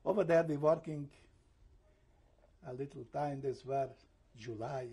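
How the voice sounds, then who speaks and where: A man in his seventies giving oral history testimony in halting, broken English, pausing to search for words and slipping into German and Hebrew. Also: medium pitch, warm tone, slightly rough. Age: 70s. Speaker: Holocaust survivor giving testimony.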